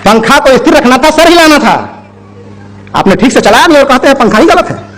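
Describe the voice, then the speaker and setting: A man's voice: very high-pitched, sing-song, fairly quick, a bit bright, slight background noise, heavily acted. A man voicing a boastful male fan seller who hawks his wares and slyly talks back. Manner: hawking, calling out, playfully sly.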